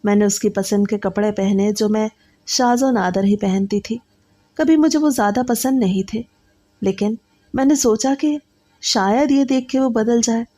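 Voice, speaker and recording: Woman storyteller, first-person narration, earnest and steady, warm mellow voice. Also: fairly high pitch.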